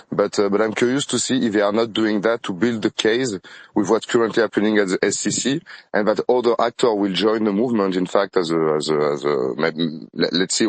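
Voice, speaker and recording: Low-voiced rambling male co-host. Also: dry recording, rough recording. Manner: rambling, repeats words, hedging. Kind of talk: casual discussion.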